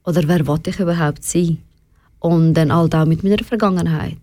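A young Swiss woman of Afghan family is a guest in a personal, reflective conversation, speaking candidly with a Swiss German accent and occasional English words. Her voice sits on the low side, brisk and mellow, and the recording is dry.

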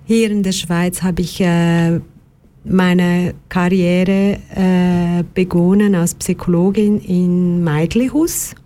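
A middle-aged woman from Brazil with a Brazilian Portuguese accent, a psychologist and counselor speaking as a radio guest, hesitant with many pauses and fillers. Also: fairly low pitch, steady tone, warm tone. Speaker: psychologist and victim support counselor. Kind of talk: radio talk show guest.

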